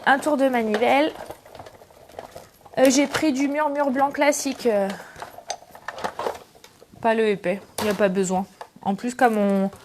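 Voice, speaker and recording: Brief: woman host, chatty craft demo at home desk, easygoing, faint hiss and clicks behind. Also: on the high side. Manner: chatty, relaxed, thinks aloud with fillers. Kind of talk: casual step-by-step craft demonstration. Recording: faint background noise and clicks.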